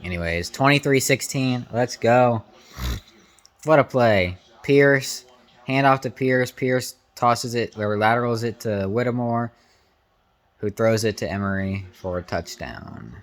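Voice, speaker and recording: A man reacts live to a sports game, casual and opinionated, with slangy, informal talk that swings between excitement and grumbling. His voice is medium-pitched and he speaks a little slowly.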